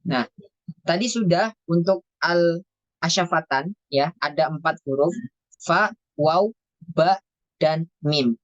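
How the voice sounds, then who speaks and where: A teacher giving an online lesson on Quran recitation, stretching out recited phrases slowly, then explaining each point briskly. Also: mid-range voice, no echo, dull audio. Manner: slow drawn-out recitation alternating with brisk explanation. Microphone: video call.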